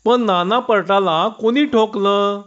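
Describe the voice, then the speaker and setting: A man voicing an inquisitive village schoolmaster who speaks in a measured, questioning way, on a dull lo-fi recording. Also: sits high, fairly bright tone.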